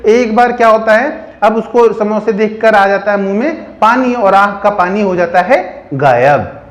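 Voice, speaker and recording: A man's voice: high-pitched, measured pace, roomy sound. A man teaching biology, telling a story as a memory trick and often asking questions that he answers himself. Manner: asks the listener questions and answers them himself; keeps checking in with "theek hai". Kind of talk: storytelling mnemonic lesson.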